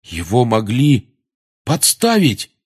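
A man reading aloud and voicing an eager, excitable teenage schoolboy wizard. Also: medium pitch, moderate pace, breathy edge, pitched above the performer's own voice.

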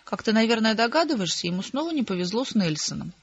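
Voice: mid-range voice, sing-song, fast talker, slightly rough. A reader voicing a fussy middle-aged mother who gossips and is easily scandalized, in a slightly dull audiobook recording. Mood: gossipy.

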